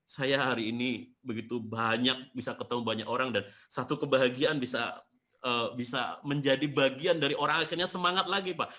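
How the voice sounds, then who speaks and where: A man's voice: mid-range voice, a little fast. A man hosting a seminar talk, telling stories and acting out the people he quotes. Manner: animated storyteller, acts out quotes. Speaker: seminar host and business trainer. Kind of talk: casual seminar talk, storytelling.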